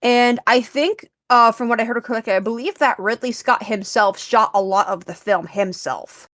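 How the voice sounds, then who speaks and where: A woman's voice: fairly high pitch, moderate pace, fairly bright tone, no echo, studio quality. A woman co-hosting a podcast, chatting eagerly about films with lots of fillers. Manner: chatty, enthusiastic, many fillers. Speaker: podcast co-host. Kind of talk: casual film discussion.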